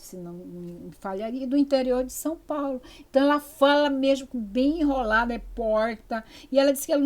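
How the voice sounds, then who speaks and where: Older Brazilian woman lecturing, chatty and digressive. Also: on the high side. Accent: Amazonas interior Brazilian Portuguese. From Amazonas, Brazil. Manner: chatty, digressive, many fillers and restarts. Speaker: university lecturer. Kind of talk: spoken lecture.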